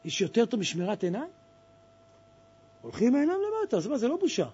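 A man preaching a fervent sermon, exhorting his listeners and swinging between hushed and loud passages. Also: very high voice, huge pitch swings, husky. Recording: dull lo-fi recording.

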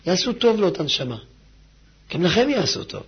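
Husky man preaching a fiery sermon. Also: sits high, very animated, muffled recording. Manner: swings from hushed pleading to loud exhortation. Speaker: rabbi giving a lesson.

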